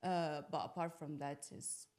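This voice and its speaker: A young Italian woman, a guest in a podcast studio, reflects casually on living abroad, often searching for her words. Her voice is low and dark-toned, steady and unhurried.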